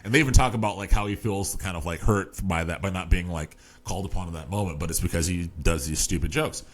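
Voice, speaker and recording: Deep-voiced man rambling about a book. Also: fast talker. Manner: rambling, lots of fillers and restarts. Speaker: podcast host. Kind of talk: casual book discussion.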